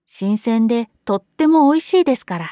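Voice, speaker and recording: A woman voicing a cheerful young male butcher's salesman with brisk, polite patter in an acted story. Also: fairly high pitch, lively intonation, mellow, dry recording, clean studio sound, voice pushed up, natural voice.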